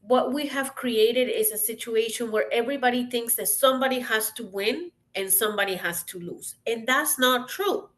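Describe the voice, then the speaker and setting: A woman's voice: on the high side, moderate pace, few pauses, fairly bright tone. A woman guest on a podcast, a consultant, speaking earnestly and encouragingly, with emphatic restarts. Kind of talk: casual interview chat.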